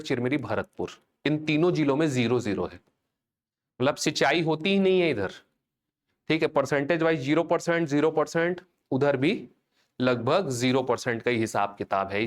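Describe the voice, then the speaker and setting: Guy teaching an exam class, chatty, keeps asking if students got it. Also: a little high. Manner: call-and-response drilling, chanting mnemonics slowly; conversational, checks in with students often. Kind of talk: live online class lecture.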